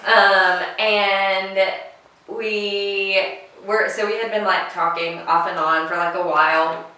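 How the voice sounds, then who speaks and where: A twenty-one-year-old woman telling a story in casual chat, giggly and full of "like", with a far camera mic in a bright dining room. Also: medium pitch, steady tone, slow, heavy reverb. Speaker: co-host.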